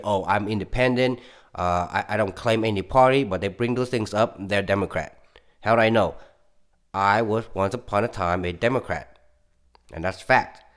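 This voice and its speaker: A man from California talking casually and rambling through his opinions, stammering often and growing insistent. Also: fairly low pitch. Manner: rambling, with frequent restarts and stammers; gets heated and insistent. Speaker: political commentary YouTuber.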